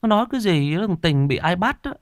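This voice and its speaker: A man's voice: big pitch swings, a little fast, dry recording, studio quality. A male narrator voicing a worried, scolding older sister in a ghost story. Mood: alarmed scolding. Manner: shrill, scolding.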